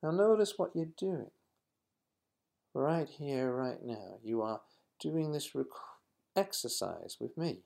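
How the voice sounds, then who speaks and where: A man leading a guided mindfulness exercise in a slow, calm, instructive manner. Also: medium pitch, vocal fry. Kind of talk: guided meditation.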